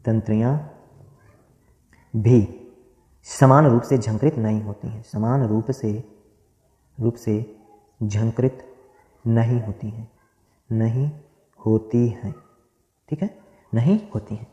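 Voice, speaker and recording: Guy teaching grammar, dictating notes, keeps repeating himself and quizzing, warm low voice, big echo. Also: takes it slowly, long pauses. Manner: repetitive, asks and answers his own questions. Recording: echoey room with long reverb.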